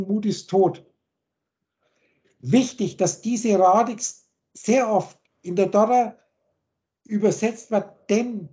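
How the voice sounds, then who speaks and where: On a video call, a teacher explains word roots in a lecturing manner, listing words and their meanings in long chains. She has a mid-range voice with a dark tone.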